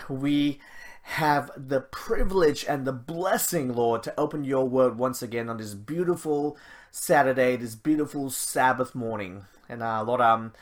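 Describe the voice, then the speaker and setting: Speaking in a medium-pitched, fairly bright voice, a Malaysian man serving as pastor runs through church notices before his sermon and closes with a prayer. The service is livestreamed, and he keeps it chatty and self-deprecating with frequent quick asides.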